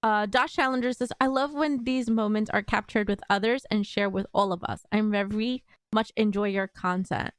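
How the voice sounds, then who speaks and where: A woman's voice: medium pitch, steady tone, moderate pace, few pauses, dry recording, studio quality. A woman host reading out viewer questions and comments during a live interview, laughing often between lines. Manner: giggly, reads comments aloud. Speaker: channel host.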